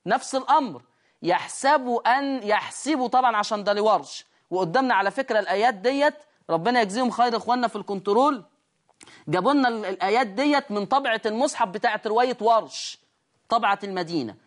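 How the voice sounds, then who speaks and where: In a studio lesson with a control room, an Egyptian-accented woman who teaches Quran recitation explains tajweed step by step on screen, asking and answering her own questions. She talks fast, with a fairly high pitch and lively intonation.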